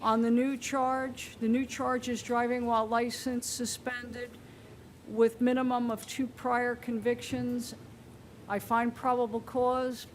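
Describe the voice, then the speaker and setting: A woman's voice: on the high side, level tone, slow, poor audio. A woman presiding as judge, reading charges and setting bond in a firm, businesslike way, heard on a courtroom recording. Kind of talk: formal court hearing. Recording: courtroom recording with faint noise.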